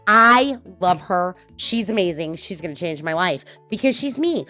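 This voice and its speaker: A woman's voice: on the low side, normal speed, soft background music. A middle-aged woman hosting a casual podcast, talking bluntly and swearing freely as she tells personal stories. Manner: blunt, swearing, animated storytelling. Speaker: podcast host.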